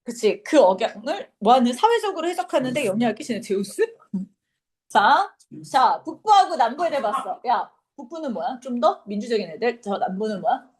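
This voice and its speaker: A woman's voice: a little high, very animated, fairly quick, darkish tone. A young woman teaching an English class, lecturing casually and quizzing her students.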